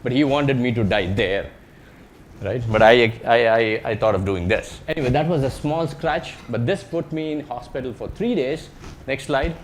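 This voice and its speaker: A man with an Indian accent speaks to a live talk with some faint noise behind him. His pitch sits in the middle of the male range. He tells stories in short, conversational phrases, joking and tagging them with questions, like a researcher walking through slides. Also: animated, normal speed. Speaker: wildlife researcher giving a talk. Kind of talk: public talk with slides, anecdotal storytelling.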